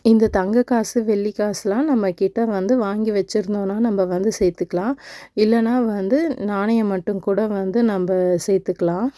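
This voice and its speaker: Woman, Tamil accent, vlogger, calm step-by-step explaining, mellow tone, dry close sound. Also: mid-range voice, no echo. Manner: calm explaining, chants mantras slowly. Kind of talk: step-by-step home ritual tutorial.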